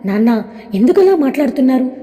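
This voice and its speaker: A woman's voice: high-pitched, sing-song, fast, mellow, in a large hall. A woman voicing a hurt young woman who pleads tearfully with her father. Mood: pleading.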